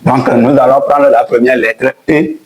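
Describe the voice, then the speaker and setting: Guy teaching a language class, repeats stuff patiently, sounds out letters one by one, mid pitch. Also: fairly even intonation, a little mellow, rough recording. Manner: patient, repeats each point and sound slowly. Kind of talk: spoken lesson at a board.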